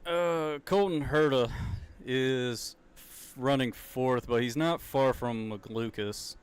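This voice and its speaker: Speaking slowly in a smooth, medium-pitched voice, this young Southern US man loosely narrates a car race live, laughing a lot and leaning on slang like "dude" and "like" in his casual, chatty commentary.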